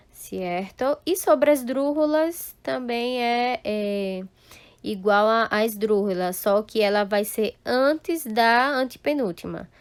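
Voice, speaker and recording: A Spanish teacher leads a recorded online class, moving through the lesson at an unhurried pace and patiently explaining each point while checking that her students keep up. Her smooth, medium-pitched voice sounds dry and close, without any echo.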